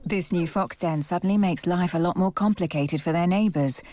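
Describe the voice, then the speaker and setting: A woman's voice: fairly low pitch, normal speed, mellow. A woman reading scripted narration for a wildlife documentary.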